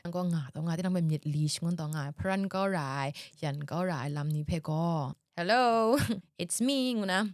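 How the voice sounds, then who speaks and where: A woman's voice: deep voice, fairly even intonation, quick pace, hardly any pauses, darkish tone, dry recording, studio quality. A woman hosting a solo podcast in a casual, chatty way, often laughing and dropping English words into her talk. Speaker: podcast host.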